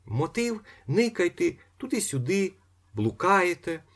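A man voicing a flustered, excitable elderly man who squeals and sputters his outbursts. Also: high voice, unhurried, breathy edge, voice pushed up, heavily acted. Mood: ecstatic.

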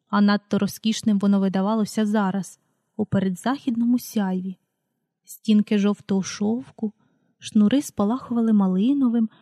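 Mellow-voiced woman reading a storybook. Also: mid-range voice, dry recording, clean studio sound. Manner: calm, unhurried reading, announces page numbers aloud. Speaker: audiobook reader. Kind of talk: storybook read-aloud.

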